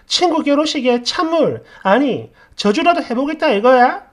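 An indignant young bride turns sharp and accusing, her voice raised high and loud as she lashes out, put on by a woman reading the story. Her pitch swings widely from line to line as the anger builds. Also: very animated, moderate pace. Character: indignant devout young woman, quick to take offense.

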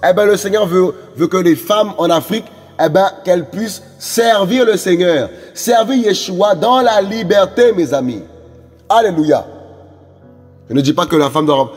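A male preacher exhorts his listeners with a high, slightly husky voice, circling back on phrases and filler words. His sermon rings with a long reverb, as if in a large hall, and soft music plays underneath. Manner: fervent, repetitive exhortation with many fillers. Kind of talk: evangelistic sermon.

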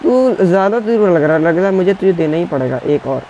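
A man's voice: high voice, lively intonation, a little fast, low-quality recording. Trash-talking young man commentating gameplay. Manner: trash-talking, taunting opponents, shouting commands. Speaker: gaming YouTuber.

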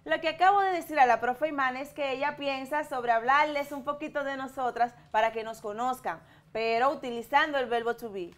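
A Dominican woman in her thirties, an English teacher, giving a televised lesson to schoolchildren and slowly modelling sentences in both languages with a Dominican Spanish accent. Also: high-pitched. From Dominican Republic. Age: 30s. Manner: slow, clear bilingual explaining, modelling words for repetition.

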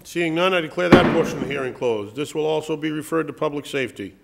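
This very noisy recording captures a middle-aged council president conducting a public hearing in formal, procedural meeting language inside a large council chamber. He speaks quickly, with a fairly high pitch and some vocal fry.

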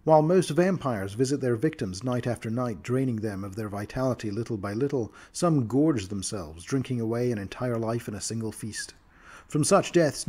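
A man's voice: mid-range voice, mellow. Solemn man narrating, documentary style. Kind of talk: scripted lore narration in a nature documentary manner.

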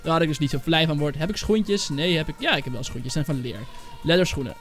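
A young man giving casual, rambling commentary on his own gameplay as a gaming channel host, and he gets excitable and shouts at rivals. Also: a little high, a little fast, soft background music. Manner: excitable, shouts and yells when angry at hackers; casual, rambling, with many fillers. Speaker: gaming YouTuber. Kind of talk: live Minecraft gameplay commentary.

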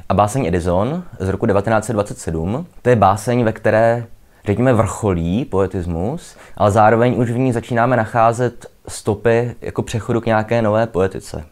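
A young man with a Czech accent and a fairly low voice explains a poem in a relaxed, chatty way. He talks loosely, with fillers, like a student tutor going over school reading. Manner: conversational, loose fillers, reads verse aloud. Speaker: literature video host. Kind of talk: casual explainer lesson with poetry readings.

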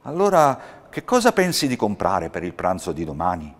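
A man voicing a kindly, poor old male shoemaker in a read-aloud storybook, speaking warmly and contentedly. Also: low voice, wildly swooping pitch, normal speed, big-room sound.

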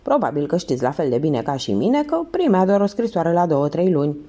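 A woman voicing a suspicious, gossipy female concierge who answers quickly and defensively. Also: low voice, big pitch swings, dark tone. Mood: indignant.

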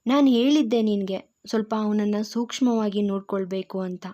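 A woman's voice: mid-range voice, normal speed, warm tone, natural voice. A woman playing a joking old doctor. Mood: teasing. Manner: joking, chatty. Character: jovial older male family doctor, teasing friend. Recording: dull lo-fi recording.

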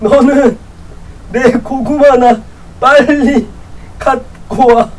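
A woman streaming a game live, teasing other players in loud banter and laughing often; her voice sits a little off-mic. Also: high-pitched, steady tone, extremely slow, far from the mic, rough recording. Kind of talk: live gameplay chat with viewers.

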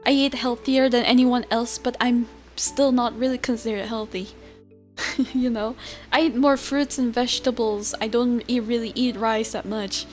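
A woman's voice: a little high, steady tone, normal speed, faint music behind. A young woman chatting casually on a livestream as a VTuber, with a cutesy, giggly, self-deprecating manner. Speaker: VTuber streamer chatting with viewers.

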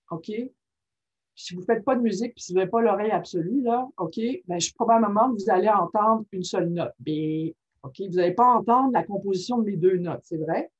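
A husky, mid-range female voice leads an informal workshop talk on reading disorders. She is lively and asks "ok?" constantly to check in with listeners, and the recording is muffled and lo-fi.

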